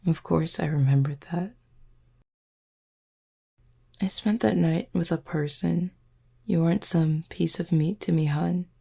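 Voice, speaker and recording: In an intimate audio drama, a woman plays a flirtatious werewolf pack beta, her low, dark voice thick with gravelly fry. Heavily acted, she sounds confident, smooth-talking, and teasing yet caring, as though speaking to a single listener.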